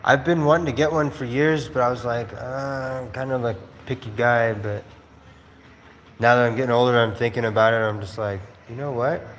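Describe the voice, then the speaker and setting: A man's voice: medium pitch, fairly even intonation, moderate pace. A man telling stories in a casual livestream, rambling and laughing with many fillers. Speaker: streamer. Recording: roomy space with faint noise.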